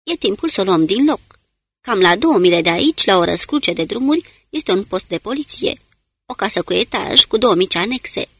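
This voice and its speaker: A calm, commanding male commando guide, read by a woman, giving short orders in a low voice. The voice has a faintly husky edge and is set in a dry room with no echo. It sounds like a character in an audiobook. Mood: steady.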